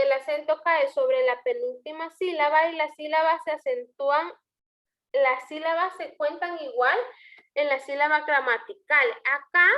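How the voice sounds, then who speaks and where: A woman's voice: sits high, dull audio. A woman teaching a poetry lesson, explaining step by step and asking her students questions. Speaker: language teacher. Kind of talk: online class lecture.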